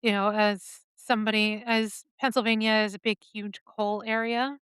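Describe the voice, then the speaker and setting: A woman co-hosting a casual podcast, reading out news stories in a halting way with pauses and fillers. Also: mid-range voice, level tone, a bit bright, clear, resonant tone, no echo. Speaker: podcast co-host.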